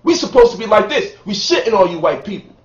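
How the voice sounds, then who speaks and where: A man from Brooklyn holds forth with emphatic, boastful, preacher-like cadence, his voice pitched high. He is caught from a distance in an echoey room on a dull, muffled recording. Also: very animated, quick pace. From Brooklyn, New York. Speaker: lecturer and author. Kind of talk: heated sit-down interview.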